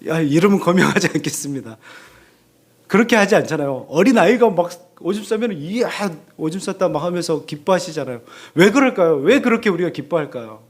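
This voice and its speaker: A man preaching a Sunday sermon in a church, animated, acting out the voices of parents he quotes. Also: a little high, quick pace. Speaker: pastor. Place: church sanctuary.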